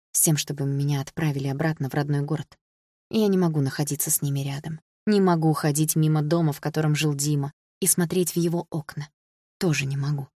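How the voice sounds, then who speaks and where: A woman reading a first-person audiobook narration in an even, subdued manner. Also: low voice, no echo, studio quality. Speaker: audiobook reader.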